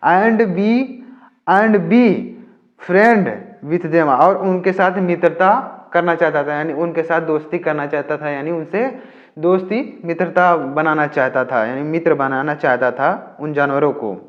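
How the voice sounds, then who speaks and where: A man's voice: a little high, dull audio. Hindi-speaking man teaching English from a story. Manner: reads English lines slowly, then explains each word quickly. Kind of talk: explaining a story line by line in Hindi.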